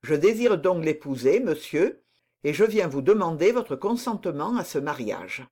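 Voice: medium pitch, sing-song, moderate pace, darkish tone. A reader voicing a passionate young nobleman in love, speaking in an earnest, pleading way in an audiobook. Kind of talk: audiobook reading of dialogue.

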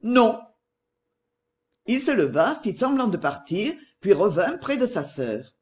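An audiobook narrator giving a measured, expressive reading of a novel. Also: medium pitch. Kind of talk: literary narration.

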